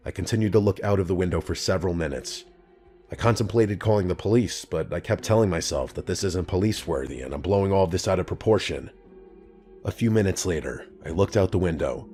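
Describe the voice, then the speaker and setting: A man reading a scripted first-person horror story in a calm, even storytelling delivery. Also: low voice. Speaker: narrator. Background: faint background music.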